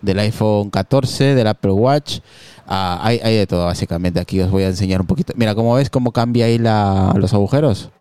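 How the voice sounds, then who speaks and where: Low-voiced man joking with co-hosts. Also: brisk, mellow, clean tone, no echo. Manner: teasing, joking banter. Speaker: podcast host. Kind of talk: casual chat on a tech stream. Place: hot living room at home. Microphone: computer with a phone camera on a video call.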